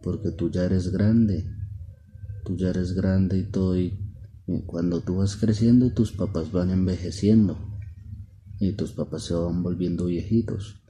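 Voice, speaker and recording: A man's voice: sits low, steady tone, a little slow, dark tone, slight background noise. A man voicing a grown-up who patiently explains things to a child.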